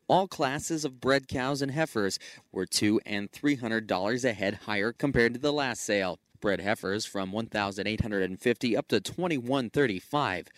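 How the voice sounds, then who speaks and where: A man's voice: lowish voice, no echo. An American man reads a scripted radio farm report with news and market prices as a broadcast reporter. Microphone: close studio broadcast microphone.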